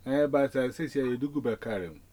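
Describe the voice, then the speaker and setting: A man's voice: mid-range voice, a little fast, warm tone. A man in casual conversation on a phone call, rambling and repeating words as he talks.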